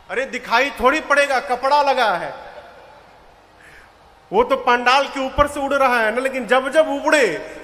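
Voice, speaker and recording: A man's voice: high-pitched, sharp tone, long reverb tail. A man telling a devotional story as a sermon, with light humor and short sung verses. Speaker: kathavachak preacher. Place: large pavilion tent.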